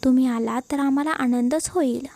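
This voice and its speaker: A woman's voice: high voice, steady tone, moderate pace, gravelly, warm tone. A woman voicing a polite, hopeful middle-aged daughter-in-law. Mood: eager. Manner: polite, eager.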